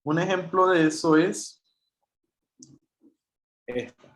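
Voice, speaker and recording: A man's voice: a little high, slow pace. Man teaching Greek in an echoey room. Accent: Chilean Spanish. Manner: patient, explains step by step, addresses students as brothers. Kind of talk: online class lecture.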